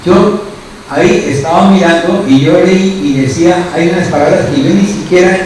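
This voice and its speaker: A man's voice: high voice, moderate pace, a little mellow. Male pastor, sermon delivery, peppers his preaching with questions to the congregation; distant mic in a very echoey hall, faint noise behind. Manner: asks the congregation constant questions.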